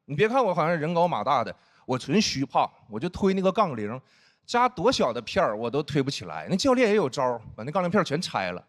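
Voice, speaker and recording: A man performing a stand-up comedy set on stage, animated and acting out other people's voices. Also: fairly high pitch, fast. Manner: animated, acts out friends' teasing voices. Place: stage before a live audience. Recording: noisy live show audio. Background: audience laughter.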